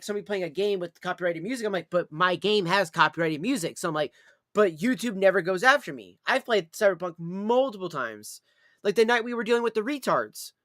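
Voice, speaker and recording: High-voiced man rambling on a livestream. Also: fairly bright tone, no echo, studio quality. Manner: rambling, repetitive, profane. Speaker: live streamer. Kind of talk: casual livestream chat.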